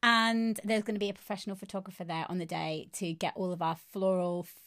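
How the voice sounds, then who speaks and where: A woman's voice: medium pitch, fairly even intonation, quick pace, fairly bright tone. A woman co-hosting a chatty podcast, bubbly, laughing often and restarting her sentences. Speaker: podcast co-host. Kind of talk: casual chat.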